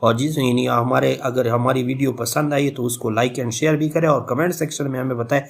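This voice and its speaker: A male college professor giving a recorded literature lecture, explaining slowly and reading example words aloud with strong stress, mixing Hindustani with English terms. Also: mid-range voice, fairly even intonation, creaky. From Jammu and Kashmir, India. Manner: mixes Hindustani with English terms, frequent filler 'yaani'.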